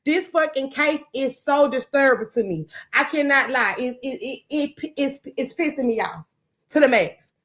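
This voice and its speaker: A woman's voice: high voice, animated, moderate pace, fairly bright tone. A woman hosting a livestream who has not slept, ranting angrily and profanely while greeting viewers by name, speaking. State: sleepless. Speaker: podcast host on a livestream. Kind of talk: unscripted livestream rant.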